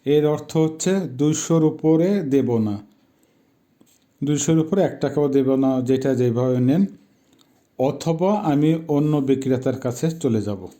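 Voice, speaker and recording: A man in his fifties from Bangladesh teaching a language lesson, patiently repeating each word slowly for pronunciation. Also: fairly high pitch, dark tone. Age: 50s. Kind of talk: slow, careful language lesson.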